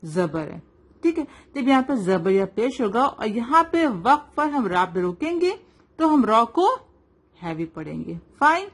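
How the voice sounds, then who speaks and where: A woman teaching a child Quran recitation rules, switching between Urdu and English, stretching words out slowly to model them and quizzing with "right?" and "fine". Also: a little high, very animated. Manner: asks quiz questions and checks with "right?" and "fine". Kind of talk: tajweed lesson for a child, mixing Urdu and English.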